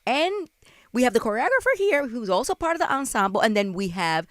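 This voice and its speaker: A woman's voice: a little high, very animated, brisk, a bit bright, no room sound, clean studio sound. A woman hosting a casual interview in a playful, familiar, slangy way, switching between English and Spanish. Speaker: show host and interviewer.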